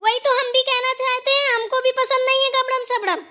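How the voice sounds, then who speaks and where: Brief: a woman playing a sharp-tongued cartoon bahu, piping high voice and a bright, edgy tone. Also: fairly even intonation, fairly quick. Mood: defiant. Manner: defiant, talks back, repeats "theek hai na". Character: sharp-tongued young daughter-in-law, defiant. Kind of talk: Hindi cartoon voice acting.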